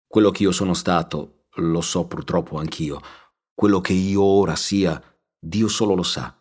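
A man's voice: low voice, fairly even intonation, measured pace, slightly rough. A man voicing a remorseful noble count who speaks humbly, solemnly and pleadingly in an audiobook reading.

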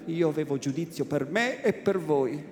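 A man's voice: a little high, normal speed, a crowd in the background, lightly acted. A man voicing an old, timid, frightened village priest who pleads in a fearful, rising voice, in an echoey room. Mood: fearful pleading. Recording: echoey room, faint ambience.

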